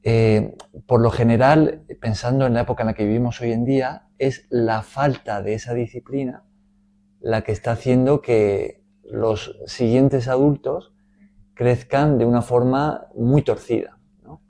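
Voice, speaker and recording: A man teaching a Bible study in a measured way, often checking in with "¿no?". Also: medium pitch, steady tone, dark tone. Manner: measured, frequent "¿no?" tags.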